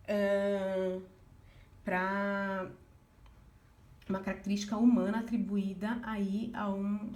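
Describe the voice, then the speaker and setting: A woman's voice: medium pitch, a little mellow. Patient Brazilian woman teacher. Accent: Brazilian Portuguese. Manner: patient, uses many fillers like "né" and "ó". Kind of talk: recorded class lesson, explaining exercises.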